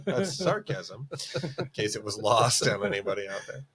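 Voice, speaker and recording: A man's voice: fairly low pitch, fairly even intonation, quick pace, a crowd in the background. A middle-aged man co-hosting a casual business podcast, chatty and self-mocking, laughing often as he tells stories. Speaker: podcast co-host.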